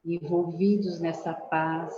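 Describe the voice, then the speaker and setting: A woman leading a guided relaxation and prayer, giving slow, soothing breathing instructions. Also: on the low side, level tone. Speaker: meditation guide. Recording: roomy, slightly dull audio with faint noise.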